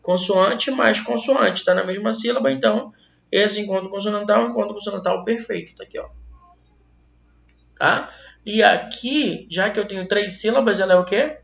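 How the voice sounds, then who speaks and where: A man's voice: sits high, moderate pace, gravelly, a bit bright. A male teacher with a Brazilian accent giving an online grammar lesson, who asks questions aloud and answers them himself. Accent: Brazilian Portuguese. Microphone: laptop mic. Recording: roomy, dull lo-fi webcam audio.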